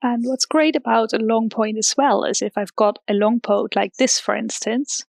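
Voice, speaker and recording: A woman's voice: a little high, fairly even intonation, normal speed, creaky, darkish tone, dry recording. A young woman from the Netherlands, an art teacher, explaining drawing basics step by step with some fillers, recorded in a hairdresser's salon used as a temporary studio. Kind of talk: drawing lesson demonstration.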